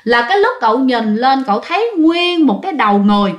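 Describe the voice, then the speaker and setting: Chatty Southern Vietnamese woman who tells ghost stories and talks to her listeners; fairly high voice, echoey room. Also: very animated, fast. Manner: chatty, addresses listeners directly. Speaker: ghost story narrator. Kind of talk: casual spoken storytelling.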